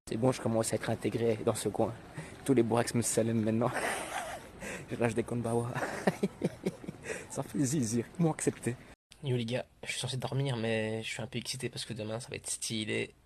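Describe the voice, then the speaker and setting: A man's voice: mid-range voice, noisy background. A young man from Portugal vlogging his travels, chatting casually and jokingly to his viewers. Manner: slangy, joking, addresses viewers as "les gars". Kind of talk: casual vlog chat to camera.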